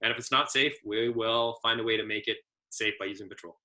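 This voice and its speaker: A man's voice: fairly low pitch, steady tone, fast talker, pushed and bright. A man, an adaptive ski instructor trainer, giving a casual training presentation as an easygoing storyteller with many fillers.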